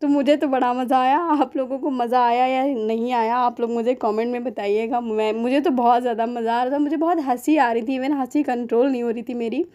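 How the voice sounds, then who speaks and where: A woman's voice: on the high side, steady tone, fairly quick, hardly any pauses, warm tone. An Indian woman vlogger giving a casual, chatty voice-over about a prank she played on her husband. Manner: chatty, giggly, addresses viewers.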